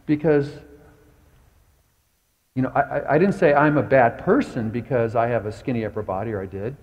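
A man's voice: medium pitch, normal speed, in a large hall, muffled recording. A man, a pastor preaching a sermon in a conversational style, telling stories and asking his congregation questions. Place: church sanctuary.

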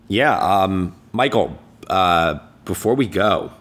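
A man's voice: deep voice, lively intonation, slow pace, fairly bright tone. A man with a hungover voice hosting a podcast, casual and hesitant as he wraps up the show. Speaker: podcast host.

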